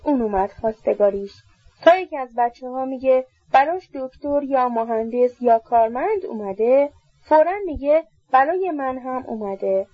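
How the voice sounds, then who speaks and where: A woman's voice: high-pitched, dry recording, highs cut off. A woman reading an audiobook, voicing an indignant, gossipy young woman student. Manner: chatty, indignant.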